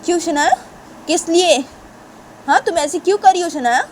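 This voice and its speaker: A woman puts on an angry mother figure who scolds in quick, demanding questions. The voice is high and bright, and the recording is noisy, with a steady hum. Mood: scolding.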